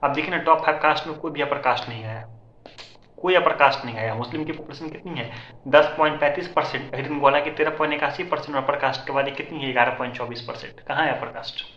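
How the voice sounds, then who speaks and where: A man's voice: on the high side, steady tone, a bit bright, slight background noise. A man presenting census figures in an informal, repetitive explainer style, often calling out to his viewers as friends. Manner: rapid, repetitive, keeps addressing viewers as friends. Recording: echoey, slightly dull lo-fi audio.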